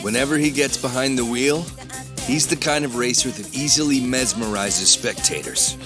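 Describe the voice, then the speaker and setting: An actor playing a composed, reflective male race analyst in an anime dub, speaking in a measured, thoughtful manner. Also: medium pitch, music in the background, lightly acted. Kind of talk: anime dub broadcast commentary.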